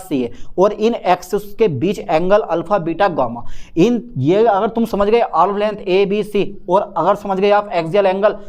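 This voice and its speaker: Playful high-voiced male chemistry teacher. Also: darkish tone. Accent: Hindi. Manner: chatty, playful, addresses students as beta and sahab. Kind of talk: chalkboard lecture.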